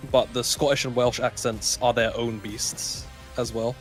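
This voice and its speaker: A man's voice: medium pitch, level tone, measured pace, soft background music. A man, co-hosting a livestream and chatting casually with viewers. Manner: chatty, swearing, laughs often. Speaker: stream co-caster.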